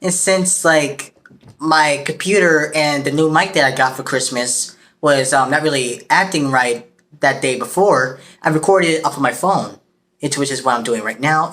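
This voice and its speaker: A man's voice: medium pitch, a bit bright. A teenage boy hosting his own podcast, rambling in casual chat with many stammered repeats. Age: teens. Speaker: podcast host.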